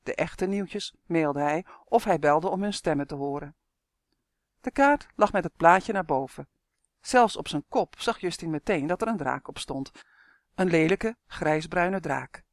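An audiobook reader calmly narrates a scripted children's story at a steady, measured pace. The voice is mid-range and medium-pitched, recorded close and dry with no room sound or echo.

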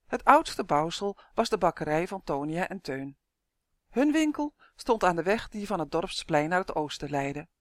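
A narrator reading a children's storybook aloud in a steady, clear telling. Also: medium pitch, normal speed, no room sound, clean studio sound. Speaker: audiobook narrator.

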